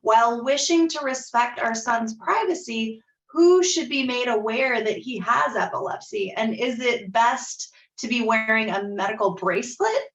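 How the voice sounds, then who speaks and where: Brisk higher-voiced woman moderator, roomy sound. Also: a bit bright. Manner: brisk, reads questions aloud. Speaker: webinar moderator. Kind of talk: moderating questions. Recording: roomy echo.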